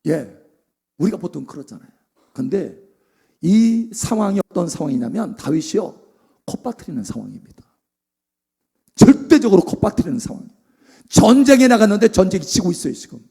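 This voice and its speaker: A man's voice: high voice, sing-song, fairly quick, creaky, pauses often, dark tone, slightly rough. A male pastor preaching a sermon, acting out prayers and asking the congregation questions.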